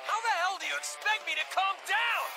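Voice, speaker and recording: A man voicing a loud, hot-headed young man in an anime dub, shouting crude complaints. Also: very high-pitched, fairly quick, vocal fry. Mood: furious. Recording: score music underneath.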